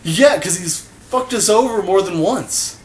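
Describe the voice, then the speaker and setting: A man doing casual, sarcastic let's play commentary, swearing and getting excited. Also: high voice, a little slow, rough recording.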